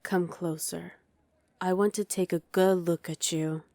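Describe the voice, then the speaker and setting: In an ASMR roleplay, a woman plays a dominant evil sorceress queen, commanding, condescending and coolly threatening. Her fairly low voice stays fairly even and a little mellow at a measured pace, with no echo, in a coolly imperious mood.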